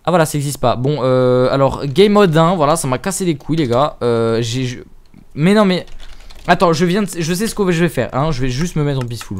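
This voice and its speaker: Casual, self-deprecating let's-play commentary comes from a young French gaming YouTuber speaking into a headset mic, voice at medium pitch. He thinks out loud while playing and swears along the way.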